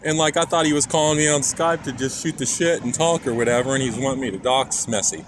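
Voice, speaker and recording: Speaking fast at a medium pitch, a man from Kansas rambles through a live stream, joking with viewers and reading their messages aloud. It's a phone recording made outdoors near traffic, which is clearly heard.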